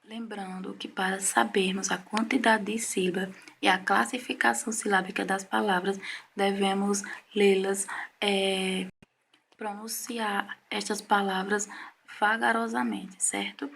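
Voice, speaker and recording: A woman teacher giving a recorded language lesson, explaining in a measured way and often checking in with the listener. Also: mid-range voice, fairly even intonation, gravelly, a bit bright, slight background noise. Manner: measured, explaining slowly with frequent "certo?" checks.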